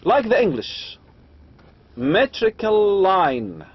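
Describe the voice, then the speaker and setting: A man with an Arabic accent lecturing on poetry, reading slowly and adding quick asides. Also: high-pitched, big pitch swings, slight background noise. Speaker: university lecturer. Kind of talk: lecture explaining English meter, mixing English and Arabic. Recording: dull lo-fi lecture recording.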